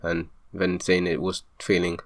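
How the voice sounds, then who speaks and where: A man with a lowish voice argues back point by point, exasperated and insistent, in the manner of an online commentary. His voice sounds close and dry, with no room around it. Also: monotone, unhurried, dry recording. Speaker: video commentator rebutting a review. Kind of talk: argumentative commentary.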